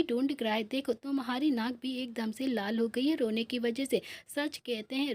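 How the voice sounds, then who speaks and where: A woman narrating a dramatic romance story in a steady storytelling manner. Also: fairly high pitch.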